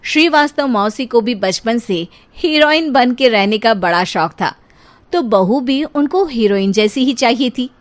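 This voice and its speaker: Lively, playful woman storyteller. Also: on the high side, a little slow. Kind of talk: scripted comic story narration.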